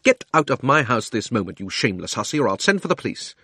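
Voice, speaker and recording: A man's voice: mid-range voice, sing-song, fast, sharp tone, breathy edge, no echo, clean studio sound, heavily acted. Man playing firm, icy old Aunt Letty. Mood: icy indignation. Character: tough, prim, indignant old aunt, a woman.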